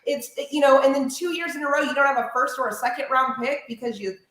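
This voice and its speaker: A woman's voice: high voice, fast talker. Fired-up woman ranting in an echoey room. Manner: animated, opinionated ranting. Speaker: sports radio host, podcast guest. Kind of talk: casual podcast chat.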